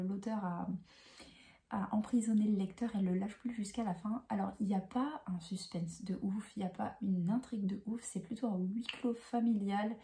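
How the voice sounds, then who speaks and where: A woman chatting casually about a book she read, hesitant and full of fillers and restarts, often dropping into soft whispery phrases. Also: medium pitch. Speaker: book reviewer. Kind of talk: casual book review chat.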